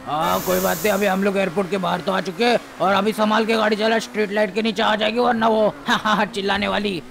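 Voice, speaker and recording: A man voicing a gruff, bossy criminal in a game role-play. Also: high-pitched, steady tone, brisk, fairly bright tone, slight background noise.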